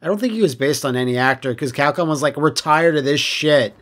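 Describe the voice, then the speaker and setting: A man giving casual, excitable and jokey gameplay commentary, swearing freely. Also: fairly high pitch, brisk. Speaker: host of a video game playthrough. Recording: voice over game music. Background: game soundtrack music.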